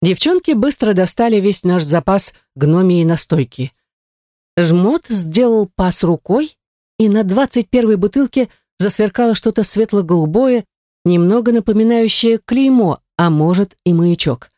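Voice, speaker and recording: A woman narrating a fantasy audiobook with expressive storytelling. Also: medium pitch, unhurried, no echo, studio quality. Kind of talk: scripted narration.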